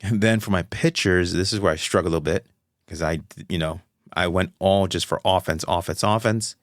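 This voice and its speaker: A man's voice: low voice, fairly even intonation, a little fast, dry recording, studio quality. A man hosting his own podcast, talking casually and rambling, often correcting himself mid-sentence. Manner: rambling, self-correcting, chatty. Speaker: podcast host. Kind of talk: casual solo podcast talk.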